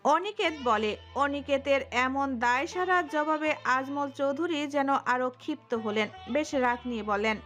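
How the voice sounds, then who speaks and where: A woman narrating a romantic audio story in an expressive storytelling manner. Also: high voice, unhurried, few pauses, faint music behind.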